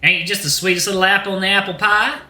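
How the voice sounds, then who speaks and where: A man voices a flamboyant, sassy rooster who is a drag queen and bar owner, using a put-on Southern American accent and a folksy, effusive style full of terms of endearment. His voice is pushed up high with fairly even intonation, a fast pace, and a sharp tone. The mood is sassy and welcoming, and the room is echoey.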